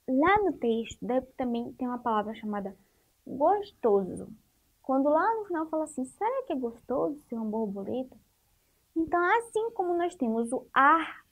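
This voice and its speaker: A woman's voice: sits high, poor audio. A woman teaching a first-grade Portuguese lesson, speaking patiently and stretching out syllables for children, with a Brazilian Portuguese accent.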